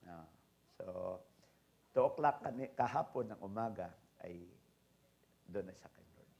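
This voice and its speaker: A man preaching a sermon as pastor, swinging between soft asides and loud exhortations, often checking in with the congregation and mixing in English phrases. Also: deep voice, animated, unhurried, vocal fry. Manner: frequent tag questions to the congregation; mixes English phrases into his talk.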